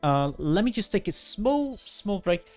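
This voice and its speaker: A man's voice: high voice, big pitch swings, unhurried. A man doing casual video game commentary, sometimes muttering to himself and reading on-screen text aloud in a hesitant way. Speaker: gaming streamer. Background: faint game music.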